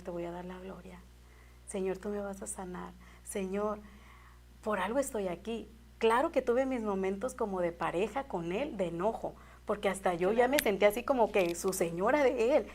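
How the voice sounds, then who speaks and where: A woman's voice: medium pitch, vocal fry, a little mellow, a little hiss or hum. A woman telling an emotional faith testimony in an earnest, heartfelt way as a guest. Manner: earnest, heartfelt, repeats and restarts phrases.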